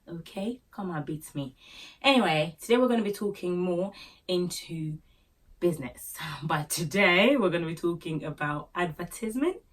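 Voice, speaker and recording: An expressive Nigerian vlogger with a Yoruba accent talks casually to camera at a moderate pace, her pitch fairly low. She runs a small business and shares tips with joking asides and fillers, recorded far from the mic.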